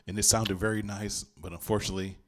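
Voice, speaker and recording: A man's voice: on the low side, little pitch movement, fast. A man hosting a podcast, teasing his guest as a playful quizmaster in casual chat. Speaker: podcast host running a slang quiz.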